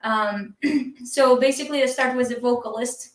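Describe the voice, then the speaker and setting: A woman's voice: on the high side, normal speed. A woman from Iraq with an Iraqi Arabic accent, a guest drummer talking easily in a live stream interview, with many ums and frequent laughs. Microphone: video call. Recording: echoey room, distant from the mic.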